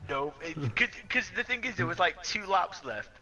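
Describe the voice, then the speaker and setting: A man's voice: high-pitched, lively intonation, normal speed, over loud music, low-quality recording. A young man co-hosting a racing game video, easygoing and agreeable, laughing often. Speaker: co-op gaming partner. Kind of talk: casual racing game commentary.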